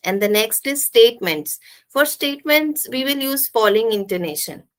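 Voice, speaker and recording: A woman teaching an English pronunciation lesson, repeating example sentences with deliberate, exaggerated stress. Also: on the high side, lively intonation.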